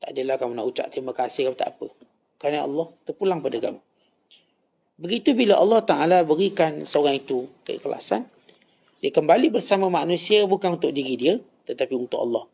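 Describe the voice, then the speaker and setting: A man's voice: a little high, lively intonation, fast talker, gravelly, a little mellow, slightly rough. A male religious teacher with a Malaysian Malay accent gives an Islamic lecture, telling stories and scolding his listeners sternly. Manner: storytelling, stern admonishing tone. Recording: lo-fi recording.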